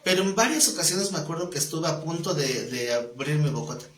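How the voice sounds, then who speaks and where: In an echoey room, a man with a fairly high pitch speaks a little fast while teaching a Bible class. He tells an anecdote as a lively storyteller, performing the dialogue himself.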